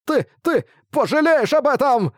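A man voicing small cowardly bat minions in an audiobook, shrill, boastful and panicky. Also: very animated, unhurried, a little mellow, no echo, clean studio sound, heavily acted. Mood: shrill boasting. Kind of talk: audiobook reading.

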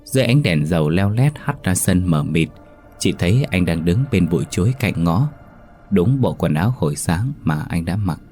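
Deep-voiced man narrating a ghost story. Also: animated, normal speed, mellow, faint music behind.

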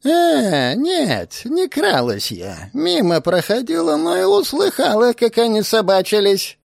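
A cunning, grumbling old woman, put on by a male reader in an audiobook. Her voice is high and gravelly, swooping wildly as she wheedles and bristles. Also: huge pitch swings, a little slow, dry recording, clean studio sound, heavily acted. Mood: defiant. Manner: wheedling near-whisper, flaring into sharp retorts. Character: suspicious half-deaf old woman, sly and grumbling. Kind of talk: audiobook reading.

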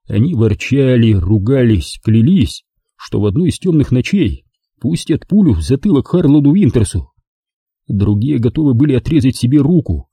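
Brief: male audiobook narrator, husky and dark, lively intonation, dry close sound. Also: medium pitch, no room sound. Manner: expressive storytelling.

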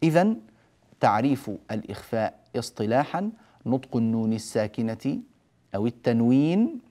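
A middle-aged man gives a recorded lesson on Quran recitation in a mellow, relaxed voice. He teaches patiently, poses questions and answers them himself, and slows right down to draw out each quoted word. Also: medium pitch. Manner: explains patiently, asks and answers his own questions, draws out quoted words slowly.

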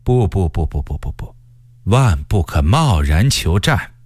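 A man's voice: sing-song, measured pace, a little mellow, breathy edge, no room sound, full character voice. A man voicing a haughty court eunuch. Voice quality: shrill laugh. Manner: drawling and arrogant. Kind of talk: storytelling character voice.

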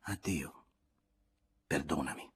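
A man reading aloud and voicing an anguished young noblewoman, pleading and often breathy and whispered. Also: mid-range voice, lively intonation, normal speed, voice pushed up. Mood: gentle. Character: anguished young noblewoman, tender yet wounded.

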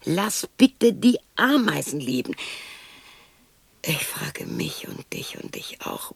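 A woman reading an audiobook and voicing a lonely, confused sixty-year-old widow who rambles to herself in her garden, drifting between breathy half-whispers and spoken lines. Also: low voice, a bit bright, no echo, full character voice.

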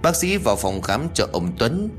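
A man's voice: mid-range voice, normal speed, soft background music. A man narrating a horror story, moving easily between narration and the voices of his characters. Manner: lively storytelling, shifts voice for each character.

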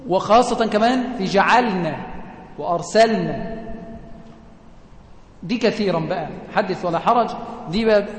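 A man with an Egyptian accent teaching Quran recitation rules. He poses questions to the class and answers them himself, and draws out the recited examples slowly. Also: high voice, reverberant, long reverb tail. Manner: slows to a drawn-out chant for recited examples. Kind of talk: tajweed lesson.

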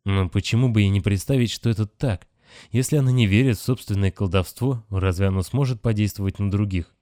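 Low-voiced male audiobook narrator. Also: fairly quick, warm tone, no room sound, clean studio sound. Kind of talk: scripted narration.

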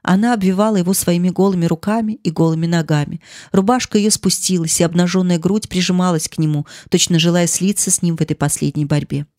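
An audiobook narrator reading a classic novel in a measured, expressive way. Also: medium pitch, no room sound, clean studio sound.

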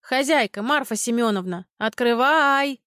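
A woman narrating an audiobook voices a nasal-voiced village drunk who wails and pleads at a door in a drawn-out way. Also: very high-pitched, pushed and bright, clean tone, no room sound, studio quality, exaggerated voice. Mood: whiny pleading.

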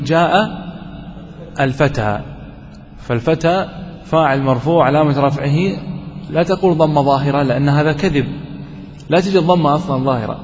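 A man's voice: on the high side, darkish tone, long reverb tail, muffled recording, slight background noise. A man teaching a grammar lesson to a class, asking questions and answering them himself and repeating key points. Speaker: sheikh teaching Arabic grammar.

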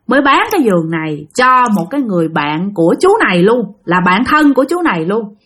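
A woman's voice: medium pitch, a bit bright. A young adult woman hosts a ghost-story channel. She narrates in a loose, chatty way and keeps addressing her listeners directly.

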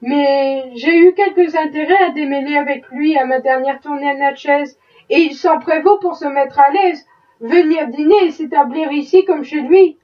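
A woman's voice: high-pitched, normal speed, natural voice. A woman reading the part of an evasive, embarrassed male plantation owner, curt and defensive. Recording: muffled, distant mic.

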